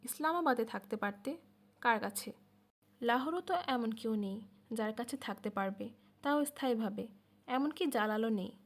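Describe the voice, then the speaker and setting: A woman's voice: a little high, moderate pace, long pauses. A woman voicing a brooding young man who asks blunt, probing questions.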